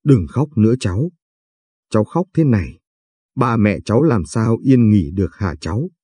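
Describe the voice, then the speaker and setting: A man voicing a gentle aunt who soothes her grieving niece, her voice choked, in a husky read. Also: lowish voice, expressive, moderate pace, no echo. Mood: soothing.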